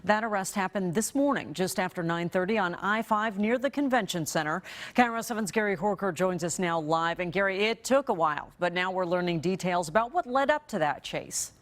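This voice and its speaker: A woman anchoring a TV newscast in a studio, giving a crisp, composed introduction. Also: fairly low pitch, lively intonation, brisk. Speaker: news anchor. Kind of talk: scripted news introduction.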